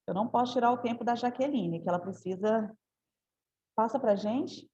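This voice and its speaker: A woman's voice: fairly high pitch, moderate pace, mellow, lo-fi sound. A woman giving a teacher training talk, explaining step by step and often adding tag questions.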